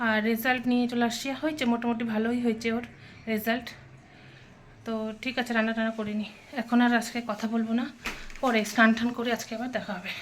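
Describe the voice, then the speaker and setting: A young woman chatting casually in a home vlog, sometimes speaking softly. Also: a little high, level tone, fast talker, a little hiss or hum. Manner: chatty, talks softly at times. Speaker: vlogger.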